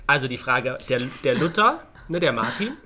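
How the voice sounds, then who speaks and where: A man's voice: mid-range voice, sing-song, normal speed, a loud crowd. A man co-hosting a podcast, steering the chat with questions. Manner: inquisitive, steering the topic. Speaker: podcast co-host. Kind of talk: casual chat.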